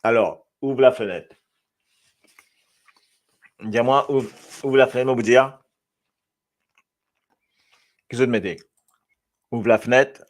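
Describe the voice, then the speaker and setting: Lively man hosting. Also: medium pitch, measured pace, long pauses. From Mauritius. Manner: lively, switching between French and Creole, reading comments aloud. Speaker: host. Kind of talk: live stream reading viewer comments.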